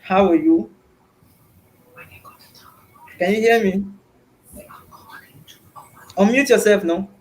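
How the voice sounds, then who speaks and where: A man's voice: high voice, takes it slowly, long pauses, rough recording. A man from Nigeria hosting an online community call, earnest and repetitive, with many fillers. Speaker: host. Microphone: video call.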